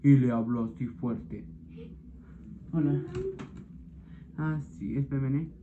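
A man's voice: mid-range voice, fairly even intonation, normal speed. A Mexican man chatting casually in a home vlog, gossipy and full of exclamations. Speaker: vlogger. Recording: tinny lo-fi audio with clear background noise.

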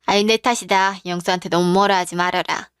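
A woman's voice: fairly low pitch, steady tone, a little fast, a bit bright, smooth, no echo, clean studio sound, lightly acted. A woman doing a chatty, fretting mother-in-law.

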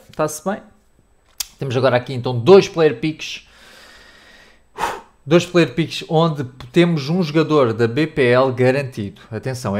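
A young European Portuguese man chatting to his stream as he opens packs. He rambles casually and jumps into excited outbursts over good pulls. His voice sits at an ordinary middle pitch. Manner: animated, shouts and laughs over big pulls, chatty asides to chat. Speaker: gaming youtuber. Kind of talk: excited pack-opening commentary.

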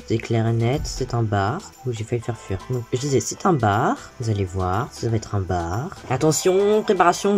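A woman with a low voice gives casual commentary as she plays a video game. She talks in a chatty, expressive way, quick to sound exasperated. Faint game music runs underneath.

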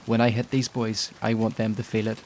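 A man with a lowish voice talks briskly through gameplay as a video creator, switching between narration and live team chat. The low-quality recording carries steady, loud background noise of pouring rain and game ambience.

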